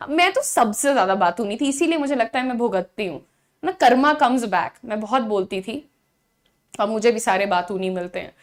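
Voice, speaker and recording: High-voiced woman teaching spoken English. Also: animated. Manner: says English model sentences slowly and clearly, then explains in Hindi; acts out chattering students in a quick high voice. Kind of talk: online spoken-English class.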